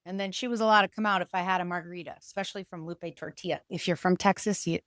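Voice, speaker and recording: A woman's voice: fairly low pitch, fast, dry recording, studio quality. A woman in her forties, a podcast host, talking candidly about relationships and acting out little quoted inner voices. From Puerto Rico. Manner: animated and candid, acts out quoted inner voices, some laughs. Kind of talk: reflective solo talk to camera.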